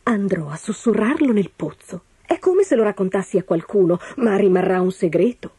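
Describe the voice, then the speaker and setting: A woman voicing an eager, chatty young woman in a children's story, with a bright delivery. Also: medium pitch, lively intonation, moderate pace, husky, no room sound. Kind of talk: storybook reading.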